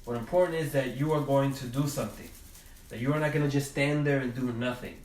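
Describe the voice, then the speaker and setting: A man teaching a drawing class, telling a storybook tale in a gentle, halting way while he draws. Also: mid-range voice. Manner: gentle, halting, with many restarts. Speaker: art teacher. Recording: roomy, from a distance.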